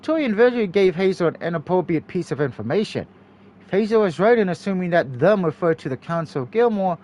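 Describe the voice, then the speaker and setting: A man's voice: sits high, a little mellow. A man reading a visual novel aloud as a let's play narrator, dropping in casual asides and acting out the dialogue. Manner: acts out dialogue while reading.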